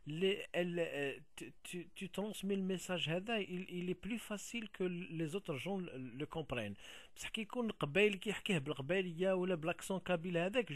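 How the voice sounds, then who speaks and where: A man's voice: fairly high pitch, dry recording. Algerian man, casual interview talk, stop-start and repetitive, dry close sound. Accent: Algerian Arabic. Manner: halting, many repeated words, switches often into French. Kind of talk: casual conversational explanation.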